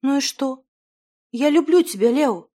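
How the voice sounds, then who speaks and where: A woman's voice: sits high, animated, unhurried, mellow, voice pushed up. A woman voicing a timid, earnest young woman in love who talks shyly and pleads. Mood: tender.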